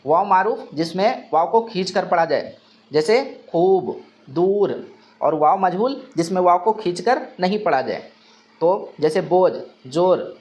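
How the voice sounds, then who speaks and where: A man's voice: high-pitched, animated, a little slow, a little mellow, lo-fi sound. A male teacher giving an exam-prep grammar lesson, asking questions and answering them himself, repeating key terms.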